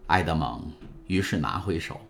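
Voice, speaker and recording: A man narrating a novel in a calm, measured storytelling way. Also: sits low, slight background noise. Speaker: audiobook narrator. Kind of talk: scripted narration. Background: faint music.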